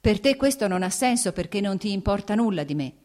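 A woman's voice: mid-range voice, animated, a little fast, a little mellow, voice pushed up, close to an everyday voice. A woman reading the lines of a proud, jealous young noblewoman, impassioned and accusing. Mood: bitter.

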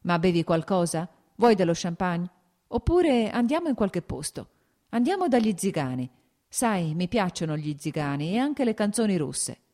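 A woman voicing a drunken, bitter older man who gets excited and jumps from topic to topic, in an audiobook. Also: fairly low pitch, moderate pace, pitched above the performer's own voice. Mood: fearful. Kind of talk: audiobook character voice.

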